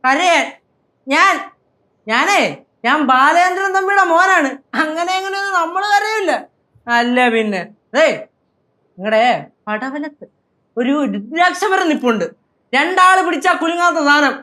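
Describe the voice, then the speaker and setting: An actor playing a boastful, stubborn young husband in a TV sitcom, argumentative in manner. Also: male voice, measured pace, long pauses, exaggerated voice. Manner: boastful, argumentative, lively swings of pitch. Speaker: sitcom character. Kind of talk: TV sitcom acting.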